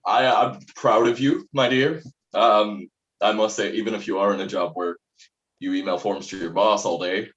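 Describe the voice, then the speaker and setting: A man's voice: lowish voice, steady tone, normal speed, natural voice. A man playing a stammering, teasing husband on a group video call. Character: joking husband who calls his wife dear. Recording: dull video-call audio.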